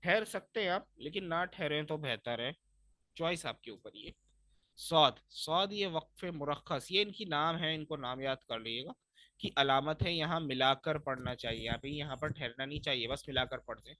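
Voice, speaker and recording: A young male Quran teacher from Pakistan who explains recitation rules patiently, step by step, and stretches the recited words slowly and loudly. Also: a little high, no room sound.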